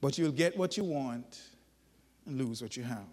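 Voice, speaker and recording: A man preaching a sermon, telling folksy stories in an animated, emphatic way. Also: mid-range voice, normal speed, big-room sound.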